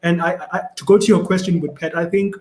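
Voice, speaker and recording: A man's voice: sits high, level tone, quick pace, a little mellow, reverberant, low-quality recording. A young man with a South African Xhosa accent, a podcast guest talking in a thoughtful, casual way and often repeating words as he searches for them. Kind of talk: casual conversation.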